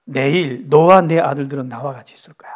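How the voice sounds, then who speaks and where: A man's voice: mid-range voice, a little fast, close to an everyday voice. A man voicing a stern, contemptuous spirit that scolds a king, within a sermon. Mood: scolding. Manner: scolding, harsh.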